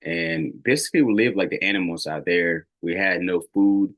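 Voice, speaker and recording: A man's voice: low-pitched, sing-song, normal speed, creaky, fairly bright tone, dull audio. A young man from Liberia, earnestly telling his life story as a podcast guest.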